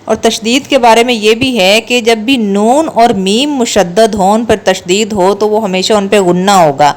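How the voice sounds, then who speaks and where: A woman teaching a step-by-step recitation lesson, patiently drilling single syllables. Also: medium pitch.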